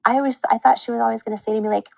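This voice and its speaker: Effusive woman host in casual chat; heavy fry, close dry recording. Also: fairly high pitch, fairly even intonation, very fast, dry recording, highs cut off. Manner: gushing, openly emotional.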